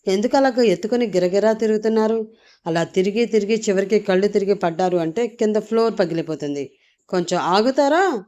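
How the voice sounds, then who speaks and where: Woman doing jealous young guy, sarcastic and scolding, mellow tone, dull lo-fi audiobook. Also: medium pitch, fairly quick, natural voice. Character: stern, jealous young man, sharp-tongued. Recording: dull lo-fi recording.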